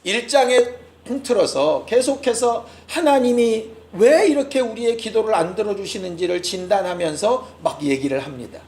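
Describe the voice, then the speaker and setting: A man preaching at a Friday prayer meeting as pastor, passionate, swinging between loud rhetorical questions and quiet asides. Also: high voice, animated, moderate pace, few pauses, reverberant. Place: church sanctuary.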